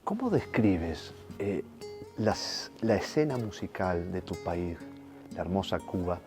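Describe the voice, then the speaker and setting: A man asking interview questions slowly, with hesitations. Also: sits low, lively intonation. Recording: distant voice over clear music.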